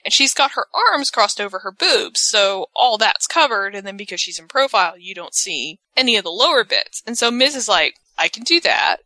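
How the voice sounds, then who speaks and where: A woman on a casual chat show, retelling scenes in a lively way and acting out the quotes with big jumps in pitch. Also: fairly quick, hardly any pauses, no echo, rough recording. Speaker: podcast co-host recapping a reality show.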